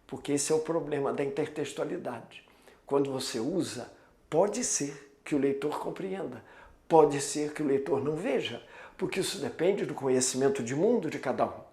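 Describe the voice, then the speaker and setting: A man's voice: on the high side, animated, normal speed, warm tone, reverberant. A man teaching a lesson, lecturing didactically with emphatic stress. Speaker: Portuguese teacher. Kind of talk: recorded classroom lecture.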